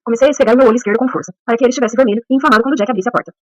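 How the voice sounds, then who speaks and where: A woman narrating a first-person audiobook at a brisk, rushing pace. Her reading stays steady and even. The sound is muffled and very dry, with no room around it. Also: on the high side, no room sound.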